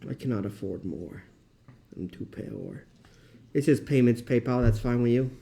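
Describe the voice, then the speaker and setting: A man in casual banter with friends, deadpan and self-mocking. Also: medium pitch, moderate pace, gravelly.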